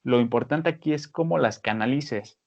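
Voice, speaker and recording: Man, casual podcast advice, animated, filler-heavy, mid pitch, dull lo-fi audio. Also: moderate pace, creaky. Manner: animated, many fillers, acts out scolding voices. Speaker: podcast panelist. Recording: dull lo-fi sound.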